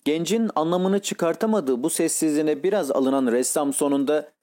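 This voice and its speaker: Mellow male audiobook narrator. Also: fairly high pitch. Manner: measured, literary reading. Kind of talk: scripted narration.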